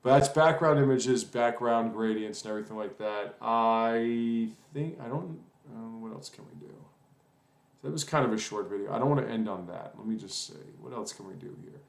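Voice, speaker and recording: A web development tutor with a fairly low, creaky voice gives a casual coding tutorial at normal speed. He rambles and thinks aloud with plenty of fillers, and the recording has a roomy echo.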